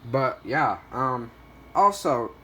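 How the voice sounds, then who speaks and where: Slowly and with big swings in pitch, a man with a slightly bright mid-range voice walks through his weather radio collection. It's a casual, unscripted show-and-tell with a self-deprecating streak. Slight background noise can be heard.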